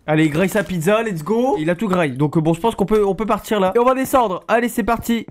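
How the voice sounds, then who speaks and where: A man's voice: high voice, fast talker, a little hiss or hum. A man with a congested, nasal voice from a cold, chatting casually to his stream audience while playing a horror game. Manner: chatty, addresses chat as "les gars". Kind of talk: casual gaming commentary.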